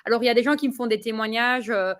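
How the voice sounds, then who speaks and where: A woman giving a casual testimonial, talking with many fillers, pauses and restarts. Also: a little high.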